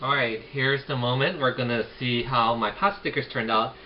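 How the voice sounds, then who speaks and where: A man casually walking through a cooking demonstration step by step, chatty and relaxed, in his home kitchen. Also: medium pitch, normal speed. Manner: chatty and relaxed, narrating each step as he goes. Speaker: home cook vlogger. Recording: dull lo-fi home video with faint noise.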